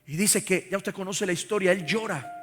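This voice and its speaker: With a high, fairly bright voice at a moderate pace, a pastor from Costa Rica leads a live sermon and fervently gets the congregation to repeat after him. The sound echoes through a large church sanctuary, with music faintly audible.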